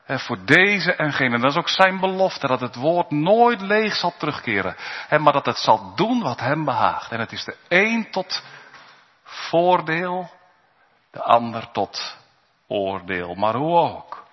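A man delivers a sermon with slow, deliberate pacing and a slightly husky voice. He moves between hushed low asides and raised, earnest appeals. The sound is dull and lo-fi, with a long reverb as in a large church hall. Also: big pitch swings. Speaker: preacher.

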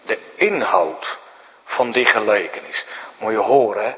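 A man preaching a sermon, explaining things to children, jumping high for emphasis and sinking to a hushed whisper. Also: animated, unhurried, in a large hall, dull audio. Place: church.

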